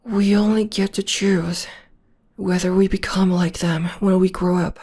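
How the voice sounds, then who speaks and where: Breathy and slow, a woman voices a soothing young witch girlfriend for close-mic ASMR roleplay, half-whispering at medium pitch with fairly even intonation. The character is gentle and devoted, and the mood stays tender and reassuring throughout her soft comforting.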